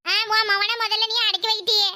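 Woman doing a squeaky nagging village wife. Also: little pitch movement, fast, pushed and bright, no room sound, clean studio sound, exaggerated voice. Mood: quarreling. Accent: Kanyakumari Tamil. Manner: nagging, quarrelsome. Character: complaining, sharp-tongued young village wife and mother. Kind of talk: cartoon voice acting.

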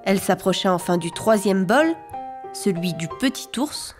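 A woman narrating a children's fairy tale in a clear, expressive and rhythmic reading voice. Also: medium pitch, moderate pace. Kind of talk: storybook narration for young children. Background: music.

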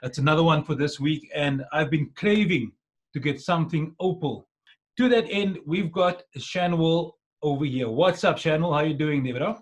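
A man's voice: on the high side, normal speed. A man in his forties with a South African accent, chatting casually as a podcast host on a video call. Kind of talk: casual interview chat. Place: dim indoor room, video call.

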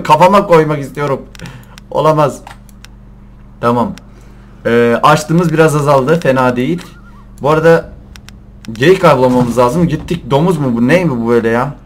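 A young man commentating a survival game in Turkish, shouting and cursing at the animals and laughing often. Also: mid-range voice, a little hiss or hum. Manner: excitable, swears and yells at the game, laughs often. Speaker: gameplay commentator. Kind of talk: let's play commentary.

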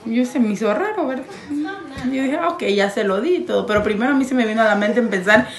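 Woman recounting a story to the camera, chatty and expressive, somewhat high voice, roomy sound. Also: fast talker. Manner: acts out quoted lines, laughing often. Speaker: fiancée telling her story. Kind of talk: animated casual storytelling.

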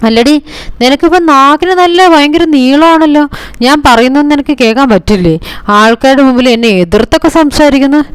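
A woman's voice: medium pitch, brisk, smooth, no room sound, natural voice. Woman doing a bossy, scolding mother-in-law. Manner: sharp scolding, haughty. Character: bossy domineering older female mother-in-law.

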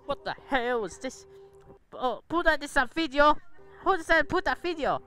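Over music, a woman streamer reacts dramatically to a game she's playing, frequently repeating phrases and reading the on-screen text. Her voice is high, expressive and sharp in tone, moving at a normal speed.

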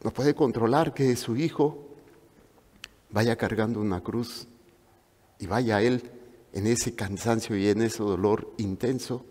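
A man preaching a sermon with a Mexican Spanish accent, telling stories in an animated way and acting out the voices of the people in them. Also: on the low side, takes it slowly, pauses often. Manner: animated storytelling with acted-out voices. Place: church hall. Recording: long reverb of a large hall.

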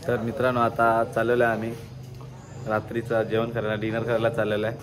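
A man's voice: fairly low pitch, completely flat delivery, fast talker. Casting: young male travel vlogger, chatty, talks straight to his phone camera, heavy background noise. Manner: chatty, addresses viewers directly. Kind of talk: casual travel vlog narration. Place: outdoors and in hotel rooms. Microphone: phone at arm's length.

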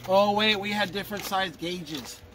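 A man's voice: high-pitched, moderate pace, fairly bright tone. A man explaining things casually in short, repeated phrases while walking outdoors as a guide to local history. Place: outdoors on a wooded trail. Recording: outdoor recording with clear ambient noise.

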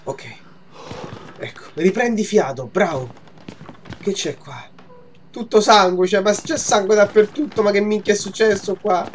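A man's voice: high voice, measured pace, long pauses, slight background noise. A young man, giving horror let's play commentary, muttering to himself, swearing and yelping in fright. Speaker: gaming channel host.

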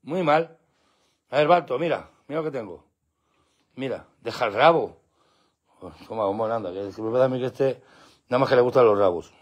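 A man's voice: fairly quick, pauses often. A man hosting a casual live stream with his dogs outdoors at night, talking into a handheld phone and calling to the dogs in a playful, coaxing way. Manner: coaxing, playful, breaks into high excited calls to the dogs. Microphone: phone held in hand.

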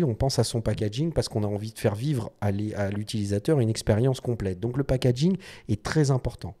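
A man's voice: medium pitch, mellow. A man hosting a design video, explaining casually to the camera with many fillers and restarts.

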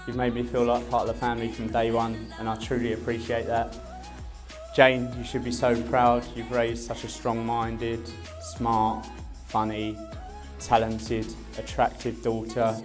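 A young groom speaks into a handheld mic at a barn reception, heartfelt with a light joking touch. His voice sits at an ordinary middle pitch. Loud music plays underneath. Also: level tone, unhurried. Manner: heartfelt, gently joking toast. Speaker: groom giving a wedding speech. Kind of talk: wedding speech. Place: brick-walled barn reception hall. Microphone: handheld microphone.

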